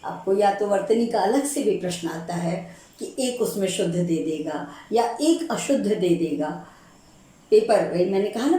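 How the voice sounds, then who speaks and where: Recorded in a very echoey room, a woman teaches grammar for an exam, her mid-range voice a little mellow. She goes patiently, repeating every word slowly so learners hear the right form.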